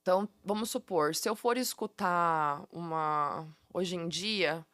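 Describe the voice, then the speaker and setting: A woman from Curitiba, Brazil, with a Curitiba accent, explaining pronunciation tips as a guest teacher in a playful, animated way and laughing often. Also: lowish voice, a little slow, no echo, studio quality. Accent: Curitiba Brazilian Portuguese. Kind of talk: casual podcast interview.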